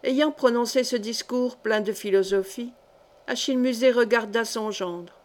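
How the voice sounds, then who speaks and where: A woman narrating a historical novel as an audiobook reader, in a measured, even reading. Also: a little high.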